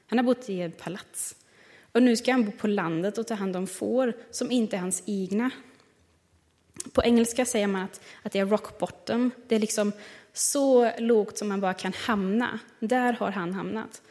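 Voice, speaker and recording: A woman preaching a sermon and reading scripture, reflective, slowing down to stress key words. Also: mid-range voice, darkish tone. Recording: long reverb of a large hall.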